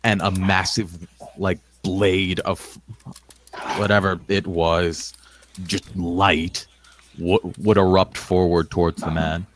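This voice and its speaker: A deep, low-voiced man runs a tabletop role-play game. He narrates slowly and steadily, sometimes restarting a line. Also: little pitch movement. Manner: slow, measured narration with some restarts. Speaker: game master.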